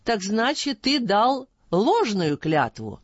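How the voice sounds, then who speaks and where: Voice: mid-range voice, sing-song, slow pace, no room sound, dull audio, voice pushed up. A reader doing a stern, commanding caliph. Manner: stern, questioning. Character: stern just caliph, older man, commanding. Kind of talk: audiobook reading.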